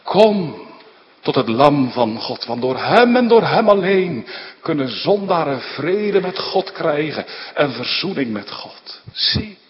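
A man preaching a sermon, repeating urgent calls and then explaining them slowly. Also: on the high side, very animated, long reverb tail, highs cut off.

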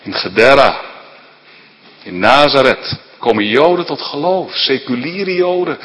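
A man's voice: medium pitch, a little slow, fairly bright tone, big-room sound. A man pastor giving an earnest, emphatic sermon.

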